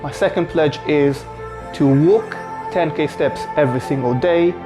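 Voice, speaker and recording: A man's voice: on the high side, normal speed. Earnest twenties male from Portugal, conversational documentary narration over music. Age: 20s. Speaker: vlogger.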